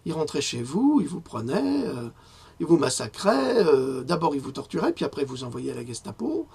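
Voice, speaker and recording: Husky-voiced indignant man. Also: a little high, big pitch swings, moderate pace, a little mellow. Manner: indignant, rising to outrage, many filler hesitations. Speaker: independent press commentator. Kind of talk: spoken press review.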